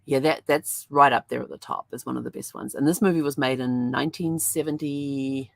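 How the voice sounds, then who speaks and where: A woman's voice: extremely low pitch, fairly even intonation, fairly quick, gravelly, no echo. A woman hosting a show, telling a story in a rambling, chatty way with lots of fillers. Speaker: host. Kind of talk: casual chat.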